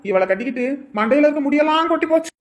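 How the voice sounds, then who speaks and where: Skit: woman as a quick, high-voiced joking husband. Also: expressive. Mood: teasing. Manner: teasing and grumbling. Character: joking henpecked village husband, teasing. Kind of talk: village comedy skit.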